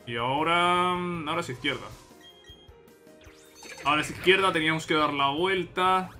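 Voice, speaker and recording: A man with an accent from Spain gives relaxed let's-play commentary, muttering to himself and his viewers, then breaking out in excited shouts. His voice is fairly high and very bright and cutting, with faint music underneath. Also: normal speed. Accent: Spain Spanish. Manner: chatty, talks to himself and viewers while playing, bursts of excitement. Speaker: gaming channel host.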